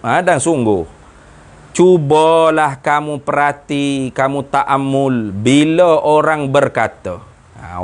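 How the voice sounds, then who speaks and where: A man teaching a classical religious text to a class, explaining terms and often asking the students questions. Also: fairly high pitch.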